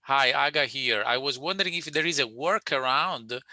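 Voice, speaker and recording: A man with an Italian accent presenting a business webinar and taking questions, speaking in a halting way with frequent restarts and fillers. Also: mid-range voice, sharp tone, dry recording.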